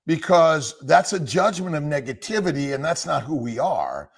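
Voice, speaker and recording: A man's voice: a little high, sing-song, normal speed, breathy edge. A man hosting a live health talk show, rambling and repeating words as he quizzes his guest. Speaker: doctor and show host. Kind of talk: casual livestream talk.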